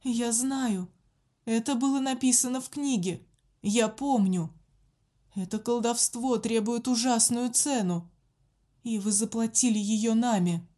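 A woman's voice: a little high, a little slow, mellow, pitched above the performer's own voice. A woman voicing a cursed, skeletal boy prisoner with a quavering, desperate voice. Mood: trembling. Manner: desperate, pleading.

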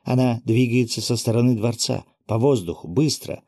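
A man's voice: medium pitch, normal speed, warm tone, husky, dry recording, clean studio sound. A man voicing a female guardian spirit in an audiobook, giving urgent reports. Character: female magical guardian spirit, alert scout.

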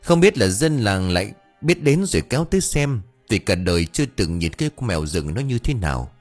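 Lively, husky male ghost-story narrator. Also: on the low side, brisk, faint music behind.

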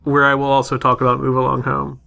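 A man's voice: mid-range voice, completely flat delivery, fast, gravelly, pushed and bright. A man playing in a tabletop game podcast, joking casually and laughing often.

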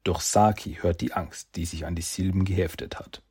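A man narrates a story slowly and calmly. His voice is deep and very husky, with a strong gravelly creak. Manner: measured, quiet narration.

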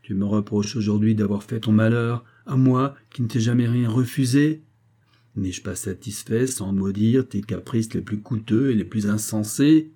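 A domineering, exalted billionaire father from an audiobook, put on by a male reader. His voice is low, dark and husky. He presses each point hard and rises into emphatic reproach. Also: normal speed. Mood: exasperated. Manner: forceful, reproachful, rising to emphatic outbursts. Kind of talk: audiobook character reading.

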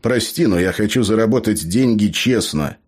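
A man's voice: lowish voice, expressive, normal speed, darkish tone, slightly rough, voice pushed up. A man voicing a tired, honest male hero in an audiobook, with a reluctant, sighing manner.

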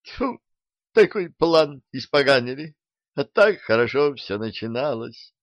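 A man's voice: mid-range voice, big pitch swings, measured pace, fairly bright tone, dry recording, pitched above the performer's own voice. A man voicing a feisty, short, hot-tempered young peasant maid who squeals and scolds. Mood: angry. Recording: dull, dry audiobook recording.

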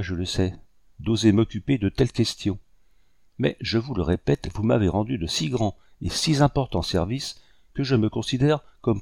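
A gentle, pleading young lady of colonial society, as a man reads her in a storybook. She speaks courteously and earnestly, her lines lifted above a low, dry reading voice. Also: creaky, no room sound. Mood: timid insistence.

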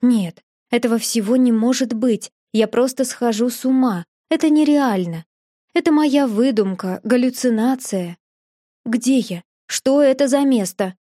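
A shaken young woman, tearful and bewildered, pushes out urgent questions in a higher, strained voice, as the reader puts her on. Her tone stays mellow and dark despite the agitation. The sound is close and dry. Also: unhurried, dry recording. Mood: disbelieving.

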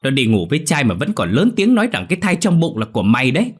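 A man voicing a cruel, furious middle-aged mother-in-law who screams abuse in a shrill voice. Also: huge pitch swings, quick pace, breathy edge. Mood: furious screaming.

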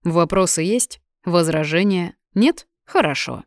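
A woman's voice: fairly low pitch, animated, unhurried, no room sound, clean studio sound. A woman playing a cocky, teasing young student guy. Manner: teasing, bossy.

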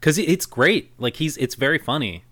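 A man's voice: on the high side, lively intonation, normal speed, fairly bright tone, no room sound. A man co-hosting a casual movie-review podcast, opinionated with dry sarcastic asides. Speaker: podcast co-host.

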